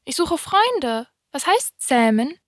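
A high, soft young boy full of earnest questions, as a woman reads him in an audiobook. The voice sits well above her narration and sounds close and dry, with no room around it. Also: very animated, slow, no echo, full character voice. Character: little prince, a gentle wondering young boy. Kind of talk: audiobook reading.

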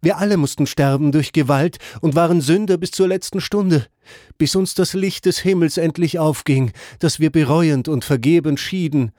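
A man's voice: on the high side, normal speed, darkish tone, no room sound, clean studio sound, pitched above the performer's own voice, close to an everyday voice. A man reading aloud, voicing a crowd of dead sinners' souls who beg urgently to be heard. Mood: pleading. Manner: urgent, beseeching calls.

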